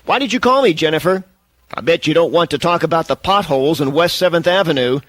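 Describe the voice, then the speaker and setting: A man doing brash radio host Wes, raised and lively. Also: a little high, dry recording, voice pushed up. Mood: coaxing. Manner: upbeat on-air banter, quick to charm. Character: brash smooth-talking male radio talk host.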